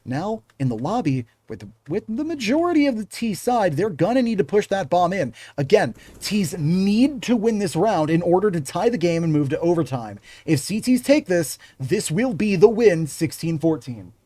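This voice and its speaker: A man's voice: high voice, big pitch swings, moderate pace, hardly any pauses, mellow, no room sound. A young man calling a live video game match play by play, breaking off to chat with viewers. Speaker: game commentator and streamer.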